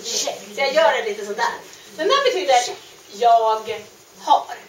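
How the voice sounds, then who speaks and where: Lively high-voiced woman teaching French. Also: slight background noise. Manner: explains patiently and repeats French words slowly. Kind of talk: grammar lesson. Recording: echoey room, mic at a distance.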